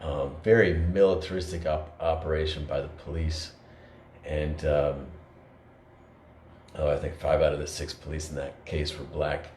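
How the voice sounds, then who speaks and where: A podcast co-host talks earnestly and reflectively, with plenty of fillers and restarts. He has a bass voice, a little mellow, with little pitch movement and a moderate pace. The room is echoey with faint noise.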